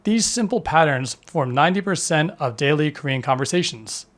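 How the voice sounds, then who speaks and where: Male teacher, scripted lesson narration, voice a little higher than most men, steady and instructive. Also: moderate pace. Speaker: language teacher.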